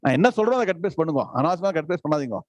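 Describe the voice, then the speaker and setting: A man's voice: on the high side, expressive, very fast, dry recording. A man with a South Indian accent, a native Tamil speaker, giving a live scripture lecture as a spiritual teacher, repeating phrases and checking understanding with questions.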